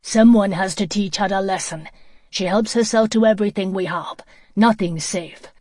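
Woman voicing a strict, angry man telling off a child in a storybook; lowish, dry. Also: steady tone, normal speed, darkish tone, no room sound, lightly acted. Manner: bellowing, stern and scolding. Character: stern, angry grown man scolding a child.

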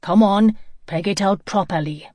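A woman's voice: fairly low pitch, steady tone, normal speed, a little mellow, no echo, clean studio sound, lightly acted. A woman reading a stern, angry grown man who scolds a child in a bellowing voice.

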